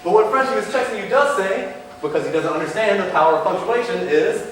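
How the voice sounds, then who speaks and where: A young man performing a stand-up comedy set in a university auditorium, with a deadpan mock-lecturing delivery. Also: high voice, fast, slight background noise. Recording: echoey auditorium from far off. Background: audience laughter.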